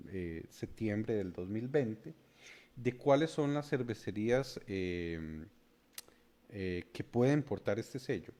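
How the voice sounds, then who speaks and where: A Costa Rican man hosting a beer show, explaining brewing history in a halting way full of filler sounds. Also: lowish voice, a little mellow. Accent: Costa Rican Spanish. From Costa Rica. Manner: hesitant, many filler sounds.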